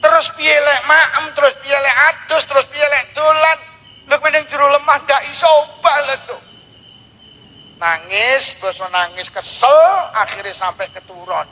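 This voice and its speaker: A man's voice: very high-pitched, poor audio. A man from Java, preaching a humorous sermon and telling stories dramatically. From Blitar, East Java, Indonesia. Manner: animated, dramatic storytelling with sudden slow, drawn-out lines. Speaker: Islamic preacher.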